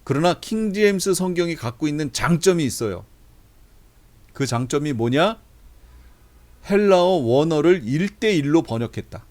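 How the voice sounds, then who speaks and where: Middle-aged male pastor, slightly high voice, conversational lecture style with deliberate readings. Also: animated, darkish tone. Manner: conversational, reads verses slowly aloud. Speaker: pastor teaching a Bible class. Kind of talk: lecture, explaining Bible translations.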